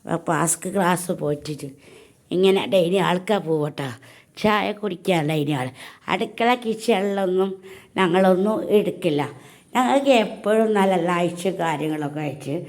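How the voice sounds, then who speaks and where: A woman's voice: lowish voice, moderate pace, a little mellow. A woman, chatting casually to her viewers in a homely home vlog. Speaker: home vlogger. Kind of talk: casual chat to camera.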